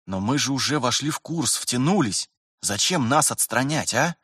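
A man's voice: medium pitch, lively intonation, moderate pace, fairly bright tone, slightly rough, no echo, clean studio sound, voice pushed up. A man voicing an indignant young trainee. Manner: indignant, pleading questions. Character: eager, aggrieved young male trainee.

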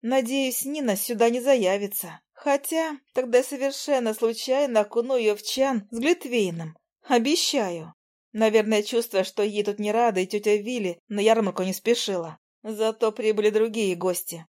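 A woman reading an audiobook, narrating in the first person with lively, playful storytelling. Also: fairly high pitch, moderate pace.

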